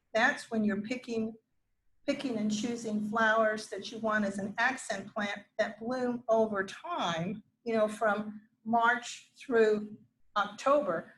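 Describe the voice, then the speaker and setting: A middle-aged woman with a mid-range, fairly bright voice gives an informal gardening lecture to a live classroom audience, the recording rough. She chats freely, with asides and restarts along the way.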